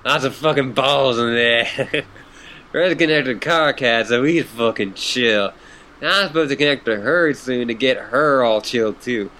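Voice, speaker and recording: A man's voice: mid-range voice, a little slow, sharp tone, a little hiss or hum. A man voicing a laid-back, stoned male clown troll who drawls, swears and honks. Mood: mellow.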